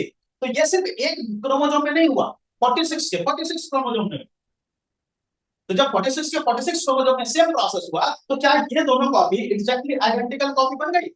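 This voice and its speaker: A male science teacher lectures his class in a very high-pitched, slightly bright voice, quizzing the students and then answering his own questions. The recording picks him up from far off the mic in an echoey room.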